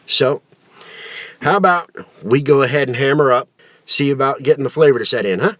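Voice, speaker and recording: A man chats casually to camera as he reviews a product. His voice sits at an average pitch, with folksy, colloquial phrasing and the sound of a lip packed with tobacco. The recording is dry, with hardly any room echo. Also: brisk, a bit bright.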